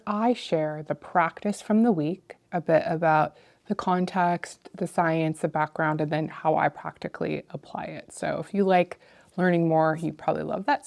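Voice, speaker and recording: A woman's voice: lowish voice, a little mellow, dry recording, studio quality. A woman teaching meditation, explaining and introducing a guided practice in informal, instructional speech.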